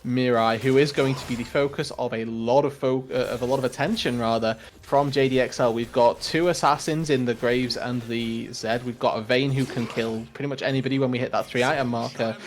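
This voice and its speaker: A man's voice: medium pitch, steady tone, fairly quick, few pauses, a little hiss or hum. A man giving color commentary on an esports match, explaining tactics with a dry, teasing humor. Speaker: esports caster.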